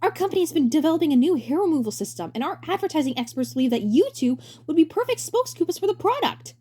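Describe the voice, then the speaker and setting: A woman's voice: sits high, big pitch swings, fast talker, mellow, pitched above the performer's own voice. A woman voicing a grinning, pushy male turtle director in a cartoon story, with a hammy, theatrical salesman delivery. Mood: eager, pushy. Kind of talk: dramatic reading of a cartoon fan story.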